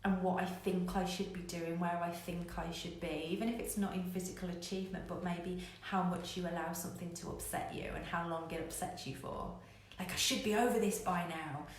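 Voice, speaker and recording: A business coach hosting a live online show gives viewers a candid, emphatic talk, repeating phrases to hammer her points home. Her voice sits on the low side with fairly even intonation, and she speaks a little fast, barely pausing. The room is very echoey, with faint noise.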